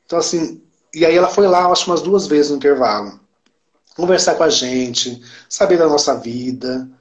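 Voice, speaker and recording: Excited Brazilian man telling a story. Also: a little high, normal speed. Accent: Brazilian Portuguese. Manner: excited, emphatic storytelling with quoted dialogue. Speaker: podcast guest. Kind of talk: casual chat.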